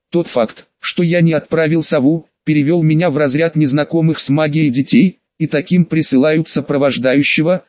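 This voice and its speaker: A man's voice: fairly high pitch, no room sound. A man narrating an audiobook in the first person, wry and sarcastic with crude slang, on a slightly dull, dry recording.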